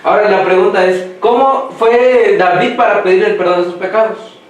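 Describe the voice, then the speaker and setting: A man preaching a sermon who quizzes the congregation and lets them finish his sentences, slowing down to read scripture aloud. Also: high voice, fairly even intonation. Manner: slows down when reading scripture aloud. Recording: echoey hall, mic far off.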